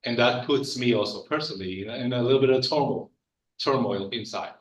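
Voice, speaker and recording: A brisk, mid-range male voice belongs to an Israeli man in his forties speaking on a panel. He talks earnestly and personally, restarting his sentences often. The recording is distant and echoey, as if captured from far back in a hall.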